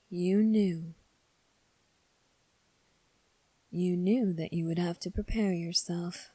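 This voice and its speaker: In an ASMR roleplay, a woman voices a composed, coolly defiant young fantasy prince, speaking formally and deliberately with long pauses. Her fairly low, dark-toned voice sounds wary and questioning, with no echo.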